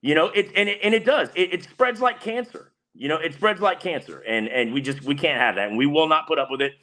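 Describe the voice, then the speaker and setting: A man's voice: a little high, expressive, a little fast, pushed and bright. A man co-hosting a betting podcast in casual chat, blunt and fired up, ranting with swearing.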